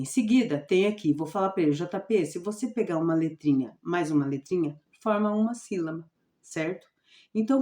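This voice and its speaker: A woman teacher explaining her reading lesson plan for a student, often checking in with a quick question. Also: fairly low pitch, warm tone. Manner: repetitive, checks in with "certo?". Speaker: special education teacher.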